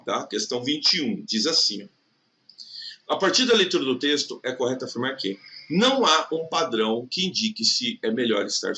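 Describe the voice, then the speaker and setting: In a recorded online lesson, a man teaches exam prep in Brazilian Portuguese with a medium-pitched, bright and forceful voice. He's chatty, checks in with the listener often, and stretches words out slowly to show the stressed syllable.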